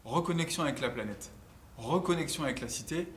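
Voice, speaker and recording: A man in his twenties from northern France, giving an earnest, measured, scripted narration as an entrepreneur presenting his project. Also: on the high side, lively intonation, fairly bright tone, slight background noise. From Lille area, northern France. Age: 20s.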